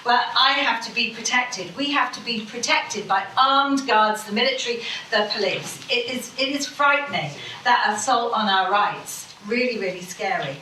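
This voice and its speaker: This impassioned panel speech comes from a woman who rambles, swears for effect, and pitches a little high at a normal speed with few pauses. Her tone is pushed and bright. The recording, made from a distant microphone in an echoey conference hall, carries a faint hiss or hum.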